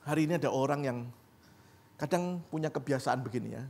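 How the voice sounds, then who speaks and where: A man's voice: mid-range voice, a little fast, creaky, darkish tone. A man preaching a sermon as pastor in a church, conversational and rising to emphatic peaks. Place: church sanctuary.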